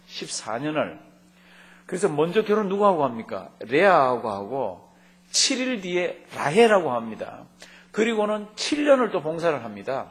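A man preaching a sermon, reading Bible verses aloud and asking the congregation questions, swinging between loud and soft. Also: fairly high pitch, very animated, normal speed. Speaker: pastor.

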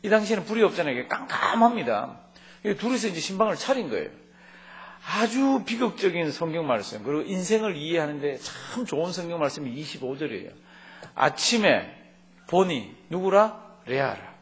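A man delivers a sermon in a fairly high, lively voice that rises and falls through each sentence. He reads scripture aloud and keeps turning to the congregation with questions. His volume shifts often between loud and soft. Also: a little fast. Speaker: pastor.

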